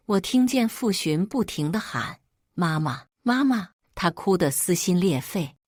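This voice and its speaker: Low-voiced woman reading a story. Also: no echo, studio quality. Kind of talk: first-person story reading.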